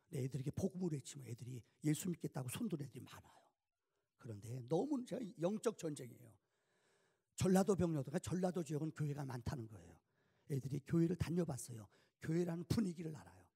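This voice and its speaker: Gravelly Korean preacher in reverberant church. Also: male voice, on the high side. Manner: conversational, asks the congregation questions, bursts to shouting. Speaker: guest revival preacher. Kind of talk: revival sermon. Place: church sanctuary. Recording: long church hall reverb.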